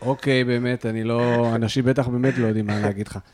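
A man's voice: medium pitch, fairly even intonation, crowd noise. A podcast host in casual chat, cutting in with jokes and repeating his guest's phrases back.

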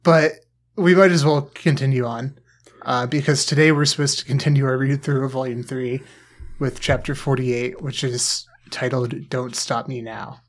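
A man's voice: mid-range voice, steady tone, moderate pace. A man hosting a podcast in casual chat, dry and teasing, rambling with plenty of fillers. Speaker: podcast host.

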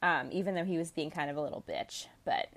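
A young woman with a lowish voice chats loosely about films. She laughs easily and keeps dropping in "like" and "um" as she goes. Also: quick pace, fairly bright tone. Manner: laughs often, many fillers like "like" and "um". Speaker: podcast co-host. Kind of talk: casual chat.

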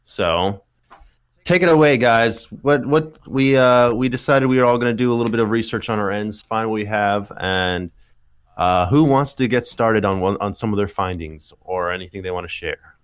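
A man's voice: on the low side, normal speed, smooth. An American man hosting a podcast, upbeat and casual, playfully selling the show. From United States. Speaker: podcast host. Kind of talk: casual chat.

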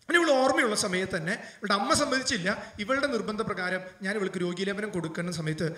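High bright-voiced preacher in an echoey room. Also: male voice, fast talker, far from the mic. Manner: emotional preaching, rising to loud fervent appeals. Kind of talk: sermon storytelling.

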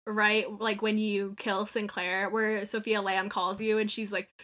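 A woman chatting casually about a video game, animated, swearing freely and acting out bits of dialogue. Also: medium pitch, unhurried.

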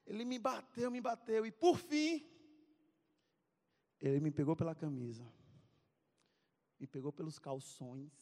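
A youth-service preacher with a fairly high voice tells a comic story unhurriedly, leaving long pauses. He animatedly acts out scenes and calls out to the crowd, his words echoing with a church hall's long reverb in the sanctuary.

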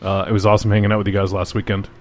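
A man's voice: fairly low pitch, completely flat delivery, racing, a little mellow. A man bantering casually as a podcast co-host.

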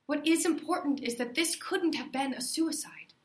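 An actress playing a femme fatale daughter in a comic noir radio drama, with a melodramatic manner. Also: female voice, high voice, normal speed, close to an everyday voice. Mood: earnest, composed. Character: breathy, melodramatic femme fatale, grieving daughter of a murdered man.

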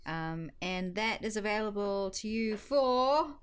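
A woman's voice: medium pitch, expressive, slow, clean tone. Chatty woman podcast co-host. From Australia or New Zealand. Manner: chatty, hesitant with ums. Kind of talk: casual chat.

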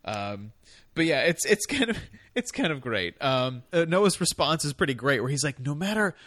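A man's voice: medium pitch, sing-song, normal speed, fairly bright tone, dry recording. A man co-hosting a podcast, chatting casually in rambling bursts full of fillers. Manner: rambling, lots of fillers and quoted voices. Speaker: podcast co-host. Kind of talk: casual chat.

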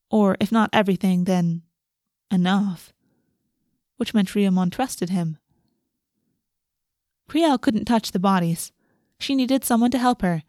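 A woman's voice: mid-range voice, darkish tone, dry recording, clean studio sound. A woman reading scripted fantasy fiction as an audiobook narrator.

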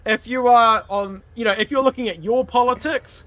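A man's voice: very high voice, moderate pace, bright, forceful tone, no echo, dull audio. A man with a broad New Zealand accent telling history casually as a podcast host, colloquial and sweary.

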